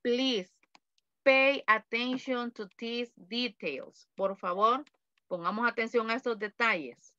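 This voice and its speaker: A woman's voice: on the high side, slow pace, sharp tone, dry recording. A woman teaching an online English class, prompting students with questions. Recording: dull lo-fi audio.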